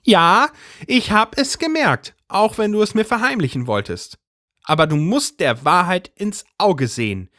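A man's voice: high voice, very animated, unhurried, sharp tone, dry recording, clean studio sound, pitched above the performer's own voice, full character voice. A man voicing a suspicious, bossy middle-aged housewife who talks in an indignant, conspiratorial way. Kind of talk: storybook reading.

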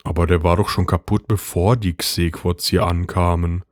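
A man voicing a meek, confused middle-aged husband who speaks hesitantly and tries to calm things down. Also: low-pitched, moderate pace, dry recording, studio quality, natural voice. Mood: bewildered. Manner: hesitant, placating. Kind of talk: storybook reading.

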